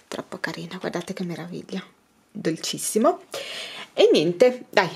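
A woman in her thirties giving a casual, chatty tour of her daughter's bedroom, filling pauses with hesitations. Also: medium pitch, darkish tone. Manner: chatty, hesitant with many fillers. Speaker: home cleaning vlogger. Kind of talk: casual room tour narration. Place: child's bedroom at home.

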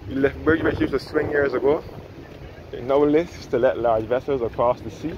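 Speaking at a moderate pace in a mid-range voice, a male guide rambles through informal tour commentary while walking a sunny harbour boardwalk, repeatedly self-correcting. The recording is muffled by wind.

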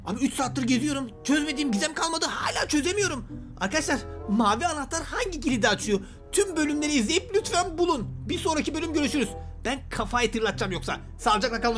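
Man, gaming YouTuber, exasperated commentary, lively swinging pitch, faint music behind. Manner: exasperated, talks to himself and viewers. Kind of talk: gameplay commentary.

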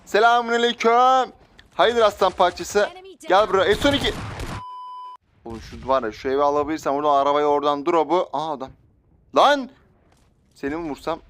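A young man giving lively, joking commentary while playing a mobile shooter, talking back at his in-game enemies. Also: a little high, brisk, long pauses, slight background noise. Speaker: gaming YouTuber. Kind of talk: live gameplay commentary.

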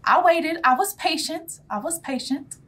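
An American woman in her thirties giving casual, blunt, expressive reaction commentary as a host. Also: high voice, measured pace, slight background noise. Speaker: host reacting to meme clips.

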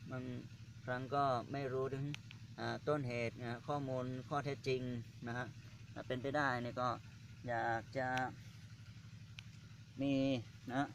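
A male Buddhist monk speaks in a casual, halting way. He often pauses to find his words and ends nearly every phrase with a polite particle. His pitch sits in the ordinary middle, and faint ambient noise from outdoors by a pond lies under his voice. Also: a bit bright. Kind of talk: casual on-site video commentary. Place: outdoors beside a pond or pit.

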